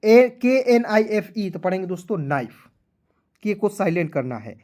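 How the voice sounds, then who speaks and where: Tired, a man teaches a video lesson by spelling words out letter by letter and then saying them slowly. He treats his viewers as friends and often checks in, asking "clear?" His voice sits high and a little mellow, with big pitch swings.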